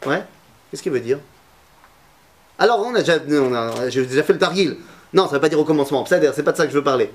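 A man's voice: fairly high pitch, animated, quick pace, long pauses. A man teaching a Torah lesson to a class, asking his students questions and mixing Hebrew terms into his talk.

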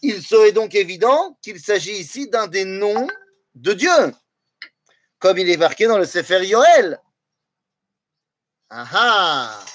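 A man teaching a Torah class to an audience, lively and engaging, asking his listeners questions and mixing Hebrew phrases into his explanation. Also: high-pitched, unhurried, a little hiss or hum.

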